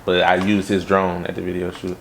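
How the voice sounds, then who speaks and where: A man's voice: low voice, completely flat delivery, a little fast, slight background noise. A young man from Los Angeles raised in Baton Rouge, a music video director answering interview questions in a laid-back way with lots of fillers. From Los Angeles, raised in Baton Rouge, Louisiana.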